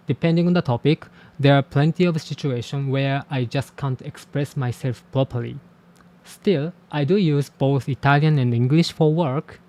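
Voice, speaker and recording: A man with a warm, medium-pitched voice reflects to camera about learning languages. Japanese is his first language; he's a language teacher and channel host whose manner is candid, measured and self-deprecating.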